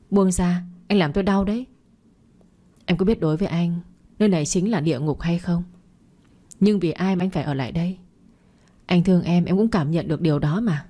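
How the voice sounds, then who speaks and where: A woman narrates a romance story and voices the characters' dialogue herself. Her voice sits on the low side and sounds warm and mellow.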